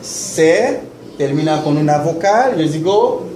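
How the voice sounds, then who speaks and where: Slow male teacher. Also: fairly high pitch, lively intonation, a little mellow. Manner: slow, repeats words for students to echo. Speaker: Haitian Creole teacher. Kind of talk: classroom lesson. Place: classroom. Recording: echoey classroom with faint noise.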